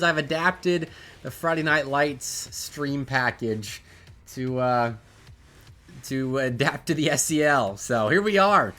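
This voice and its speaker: This man's voice is fairly high and a bit bright, nasal and stuffy because of allergies. He rambles chattily and keeps restarting while kicking off an esports match stream, speaking into a desk microphone at his home streaming setup.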